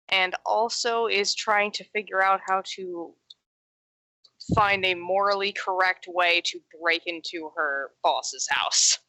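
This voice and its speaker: A soft-spoken woman talking slowly and a little hesitantly about her tabletop character. Her voice is bright, recorded in a dry, dead room. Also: medium pitch, dry recording. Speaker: player. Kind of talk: casual out-of-character chat.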